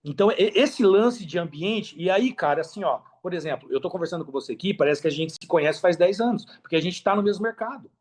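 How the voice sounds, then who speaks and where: A Brazilian affiliate marketer, guesting on a podcast, speaks quickly in a high voice with lively intonation and hardly any pauses. His casual storytelling sprawls, leans on slang, and circles back on points to stress them.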